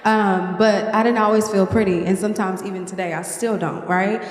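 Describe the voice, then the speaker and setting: A woman in her twenties speaking casually on a panel, chatty and quick to laugh, with many fillers. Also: medium pitch, fairly even intonation. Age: 20s. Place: large hall. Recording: echoey hall.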